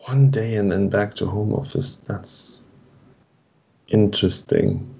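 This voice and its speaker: A man's voice: on the low side, moderate pace, gravelly, warm tone, husky. A man co-hosting an online meetup stream, chatting casually and rambling as he reads and answers the chat. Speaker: meetup co-host. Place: home. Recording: dull lo-fi stream audio.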